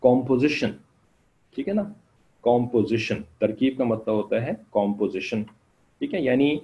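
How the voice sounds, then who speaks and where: A man's voice: mid-range voice, animated. A man teaching a class, explaining step by step, often checking whether students follow and putting questions to them. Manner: explains patiently, keeps checking "okay?". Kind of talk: classroom lecture. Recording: dull lo-fi recording.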